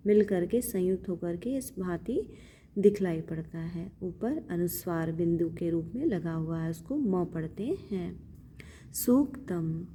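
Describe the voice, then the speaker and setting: A woman teaches the recitation of a Sanskrit hymn at a very slow, deliberate pace, breaking each word into syllables and saying it again. Her voice is mellow and warm. A faint hiss sits under the recording. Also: on the low side. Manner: patient, spells out syllables and repeats words carefully.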